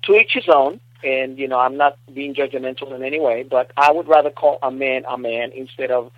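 A man's voice: medium pitch, fairly even intonation, a little fast, dry recording. A man raised in Puerto Rico, a podcast guest speaking from his apartment, talking hesitantly with many fillers. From United States, raised in Puerto Rico. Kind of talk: casual interview chat. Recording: dull dry call line.

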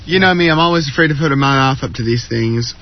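A man co-hosting a radio show, tossing in quick wisecracks from a little off the mic. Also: medium pitch, slight background noise. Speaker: radio co-host. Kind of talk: casual joking radio banter. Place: radio studio. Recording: slightly dull radio broadcast audio from off-mic.

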